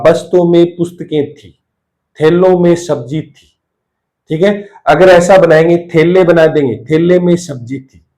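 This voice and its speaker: A man's voice: fairly high pitch, darkish tone, rough recording. A man teaching a Hindi grammar lesson for exam preparation, repeating key terms and drilling example sentences one by one.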